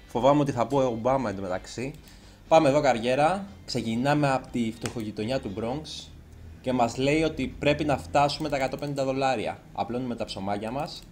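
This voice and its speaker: Nervous chatty man commentating a game. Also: medium pitch. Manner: chatty, self-conscious, trips over words. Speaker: gaming YouTuber. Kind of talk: let's play commentary.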